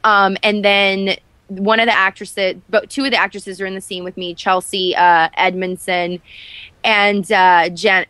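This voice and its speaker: An actress in her twenties, guesting in an interview, chats candidly with lots of fillers and restarts. Her voice is medium-pitched and a bit bright, with no echo.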